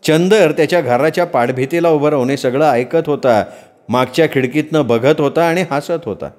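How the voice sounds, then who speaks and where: Expressive male storyteller, slightly high voice. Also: normal speed. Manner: vivid, expressive, rich in folksy comparisons. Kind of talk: traditional oral storytelling.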